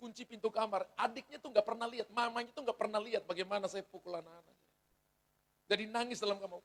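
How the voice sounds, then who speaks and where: A man's voice: high-pitched, steady tone, quick pace. A middle-aged male pastor preaching a sermon, telling stories and acting out the dialogue. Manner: storytelling, acts out quoted dialogue.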